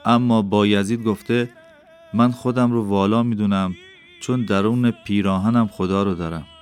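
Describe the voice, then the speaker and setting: A man reading an audiobook voices a mysterious wandering dervish who asks slow, weighty questions in a quavering tone. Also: fairly low pitch, steady tone, darkish tone, smooth, faint music behind, close to an everyday voice. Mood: probing. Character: mysterious wandering male dervish, calm and probing.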